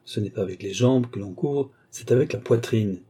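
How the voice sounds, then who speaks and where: A man reads a classic novel aloud as scripted narration, measured and even. His voice is very dark and mellow, with a husky grain, at an ordinary middle pitch. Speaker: audiobook narrator.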